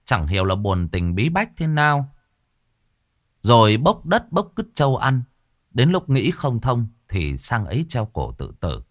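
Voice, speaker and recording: A man narrating a ghost story in a folksy, animated storytelling manner. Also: lowish voice, no room sound, clean studio sound.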